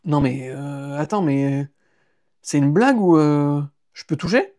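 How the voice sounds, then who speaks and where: A man's voice: fairly high pitch, expressive, unhurried, a little mellow. A man reading a teasing young hacker friend. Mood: stunned. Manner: teasing, casual, stammers when stunned. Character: young adult male hacker friend, joking and easygoing. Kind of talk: audiobook character voice.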